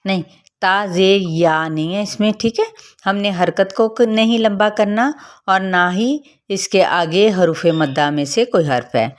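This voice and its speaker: Slow, patient woman teaching recitation. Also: medium pitch. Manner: patient, explains slowly and models each sound. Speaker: Quran reading teacher. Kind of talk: step-by-step recitation lesson.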